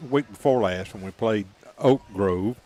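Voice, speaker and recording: Drawling radio color commentator. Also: male voice, on the low side, warm tone. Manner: measured, drawling, teasing. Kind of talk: local radio football commentary.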